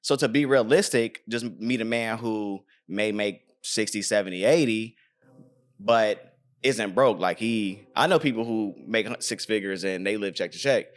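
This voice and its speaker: A man hosts a podcast in a fairly low voice. He talks loosely and rambles, drops casual swear words, and keeps a relaxed conversational flow. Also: moderate pace. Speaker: podcast host.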